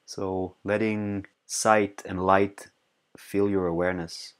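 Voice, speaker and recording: Leading a guided meditation, this man speaks in a low voice, offering brief calming phrases and letting pauses fall between them without hurry.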